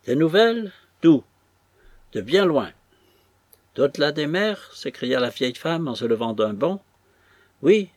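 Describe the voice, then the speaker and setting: A male audiobook narrator reads a classic novel with measured, dramatic pacing. His voice is husky and a little breathy, of middling pitch, and recorded dry and close with no room around it. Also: no echo. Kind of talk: scripted storybook narration.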